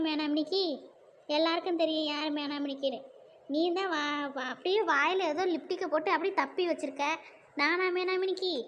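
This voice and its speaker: A woman voicing a defiant, sharp-tongued younger sister in a cartoon. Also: very high voice, muffled recording, a little hiss or hum. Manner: mocking, defiant. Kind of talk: cartoon voice acting.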